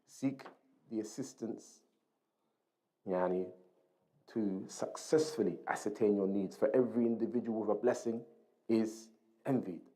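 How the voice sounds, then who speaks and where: In this rough recording, a man with a lowish, warm voice talks a little slowly, leaving long pauses. He teaches an informal Islamic lesson, reading a book aloud and explaining it point by point in a chatty way, repeating key phrases and using short tag questions to check in.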